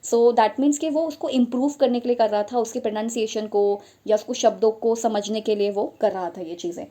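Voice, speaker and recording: Higher-voiced woman explaining a lesson. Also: normal speed, dark tone. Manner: explanatory, mixes English phrases, repeats points. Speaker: teacher exam tutor.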